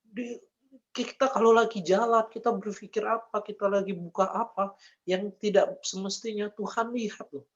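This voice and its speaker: A man's voice: sits high, fairly even intonation, normal speed, lo-fi sound. A man giving an emotional faith testimony, earnest and repetitive, speaking directly to his listeners. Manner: earnest, repeats phrases, addresses listeners as brother and sis.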